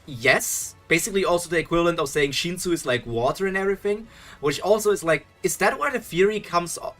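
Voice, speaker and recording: A young German streamer reacts live to a webtoon, speaking a little fast in a high-sitting, fairly bright voice with lively intonation, soft music underneath. Loose and chatty in his German accent, he thinks aloud, restarts, chuckles, and keeps answering his chat.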